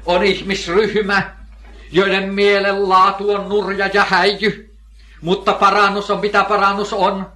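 A man's voice: high-pitched, level tone, pushed and bright. An older man preaching a sermon, emphatic, asking questions and answering them himself, repeating key phrases.

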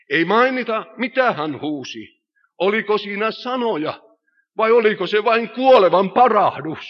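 A man preaching a sermon in style, solemn and rising to emphatic cries. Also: high voice. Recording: reverberant hall, dull lo-fi sound.

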